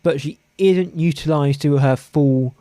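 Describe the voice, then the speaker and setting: A man hosting a casual podcast, with a dry, wry way of talking and some halting restarts. His voice sits a little high. The sound is close and dry. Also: dark tone, no echo. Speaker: podcast host. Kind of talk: casual review chat.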